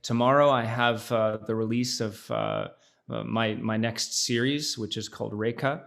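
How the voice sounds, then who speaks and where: An actor from the Netherlands, going by his mother, chats casually as a guest in a video-call interview. His mid-range voice is steady, gravelly and a bit bright at a normal speed, and he speaks thoughtfully with plenty of fillers and restarts.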